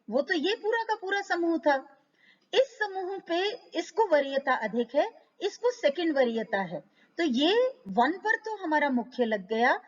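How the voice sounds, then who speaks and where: High, animated Indian woman lecturing. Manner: slow and deliberate, stretching out key terms, rising and falling tone. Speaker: chemistry lecturer. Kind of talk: lecture explaining organic nomenclature. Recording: lo-fi, hall reverb, distant mic.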